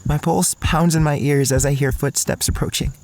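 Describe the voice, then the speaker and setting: An actor voices an awkward, anxious young college man who narrates an audio drama in the first person as its main character, with music playing behind him. His fairly high, steady voice has a darkish tone and normal speed, lightly acted, anxious and watchful, turning hesitant and stammering in dialogue.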